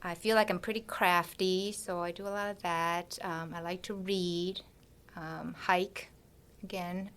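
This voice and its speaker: Relaxed, modest woman doctor from Taiwan. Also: lowish voice, unhurried, clear, resonant tone. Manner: relaxed, modest, trails off into soft fillers. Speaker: physician guest. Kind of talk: casual interview chat.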